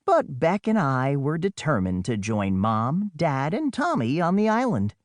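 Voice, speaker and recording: An audiobook narrator, a man, tells a children's adventure in a highly animated, swooping voice that sits fairly high for a male. At a measured pace, he's dramatic and slips in wry conversational asides, like a boy recounting his own story. The recording is dry and close.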